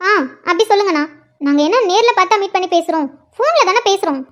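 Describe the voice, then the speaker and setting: A woman's voice: very high voice, animated, quick pace, a bit bright. A woman voicing a chatty, teasing young woman in a cartoon. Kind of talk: cartoon voice acting. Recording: dull lo-fi sound.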